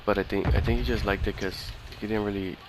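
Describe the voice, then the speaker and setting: A man with a fairly low voice tells a long, rambling story over voice chat, his talk full of "like" and swearing. Clear gunfire and clicks from the game run behind him the whole time. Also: fairly even intonation, fast talker, very noisy. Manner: rambling, profane, full of fillers and restarts. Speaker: gamer chatting with a friend. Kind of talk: casual chat while playing a shooter game.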